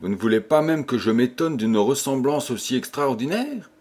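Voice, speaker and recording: A man reading a soft-spoken, polite lady. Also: medium pitch, expressive, normal speed, breathy edge. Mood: troubled. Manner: soft, affectionate. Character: polite, bewildered widowed lady.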